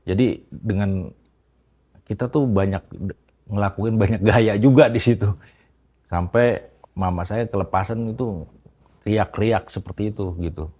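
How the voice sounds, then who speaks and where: A man hesitantly telling a personal story as an interview guest, speaking in a halting casual way with many restarts and fillers. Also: on the low side, dark tone.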